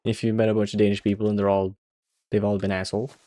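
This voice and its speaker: A man's voice: on the low side, little pitch movement, fast, mellow, no echo. A young man from Sweden, chatting casually and swearing often while streaming a game. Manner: swears a lot and laughs at his own jokes. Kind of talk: casual gaming stream chat.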